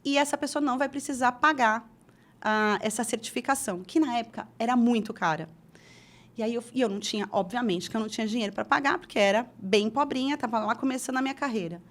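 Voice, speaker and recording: Speaking quickly in a voice on the high side, this middle-aged woman from Brazil tells an interviewer about her career. She's chatty, frequently starting over and leaning on fillers.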